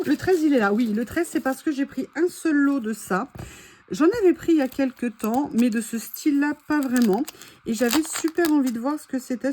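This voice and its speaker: A woman's voice: on the high side, dark tone, a little hiss or hum. A French woman chatting enthusiastically through a stationery haul, gushing over each item and repeating her praise. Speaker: haul vlogger. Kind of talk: casual haul chat, reading quotes aloud.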